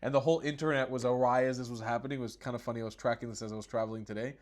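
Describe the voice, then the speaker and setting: A man's voice: medium pitch, steady tone, very fast. Sarcastic man laughing through commentary. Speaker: political commentary host. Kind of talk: casual mocking commentary.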